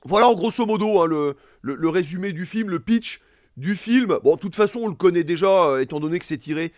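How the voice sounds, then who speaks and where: A man's voice: high voice, animated, brisk, darkish tone, dry recording, studio quality. Rambling man reviewing films. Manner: rambling, many fillers and restarts. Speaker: film reviewer. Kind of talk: casual film review monologue.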